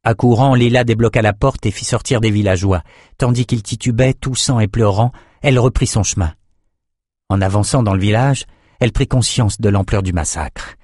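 Low-voiced man reading a dark tale. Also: no echo, clean studio sound. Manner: steady, measured reading. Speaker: audiobook narrator. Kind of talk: scripted narration.

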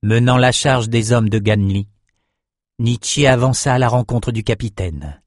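A man reading a fantasy novel aloud in steady, measured scripted narration. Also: medium pitch, dry recording, studio quality. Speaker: audiobook narrator.

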